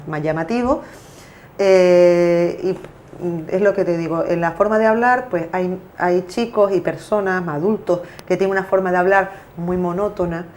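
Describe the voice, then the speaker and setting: A woman's voice: fairly low pitch, a little mellow, slight background noise. A woman, explaining at length as an interview guest, with frequent fillers and self-corrections. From Canary Islands. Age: 40s. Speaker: interviewee, parent and association president. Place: local TV studio.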